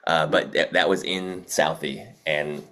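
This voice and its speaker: A man's voice: extremely low pitch, steady tone, measured pace, a bit bright. A middle-aged man from the Philadelphia area with a Delco accent, co-hosting a casual podcast and rambling through stories. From Delaware County, Pennsylvania. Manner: rambling, storytelling, frequent likes and ums. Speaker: podcast co-host. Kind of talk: casual chat.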